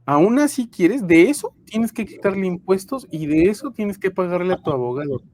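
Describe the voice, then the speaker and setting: A woman's voice: fairly low pitch, animated, moderate pace, darkish tone, slight background noise. A Mexican woman co-hosting a podcast, explaining human resources in a frank casual chat with many fillers and restarts, connecting remotely from home. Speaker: podcast co-host, HR professional.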